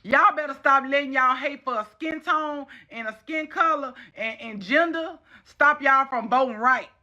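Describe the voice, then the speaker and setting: A woman's voice: sits high, normal speed, bright, forceful tone, highs cut off. A woman with a Southern US accent giving an impassioned, casual social media rant, scolding and repeating phrases for emphasis.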